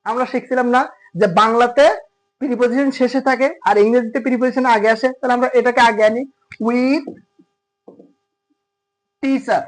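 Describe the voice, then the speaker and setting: A man's voice: extremely high pitch, steady tone, moderate pace, pauses often. A man teaching English grammar in Bengali, explaining patiently and asking his students rhetorical questions. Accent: Khulna Bengali. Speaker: English tutor. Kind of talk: classroom grammar lesson. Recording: tinny phone-like audio.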